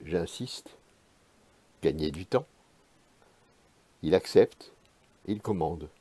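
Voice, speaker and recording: Deep, slow-reading male author. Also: lively intonation, breathy edge, no room sound. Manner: slow, measured, hushed, spare phrasing. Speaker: author reading his own work. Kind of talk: literary reading.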